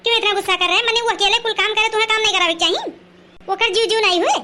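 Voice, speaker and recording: A woman's voice: very high-pitched, racing, pushed and bright, slight background noise. An actress playing a nagging, scolding village mother-in-law who speaks an in a comedy skit.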